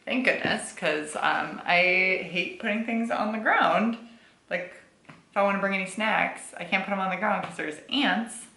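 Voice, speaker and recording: A woman's voice: mid-range voice, unhurried, creaky, pushed and bright. Chatty young woman in an echoey room. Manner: bubbly, chatty, with slangy asides and laughs. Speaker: book vlogger. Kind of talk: casual vlog chat. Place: home, indoors.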